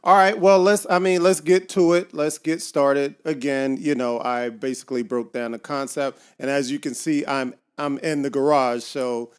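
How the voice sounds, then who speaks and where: A man with a smooth voice on the high side hosts a casual video-call podcast interview from his home garage. He's from Miami and speaks hesitantly, with lots of ums and restarts.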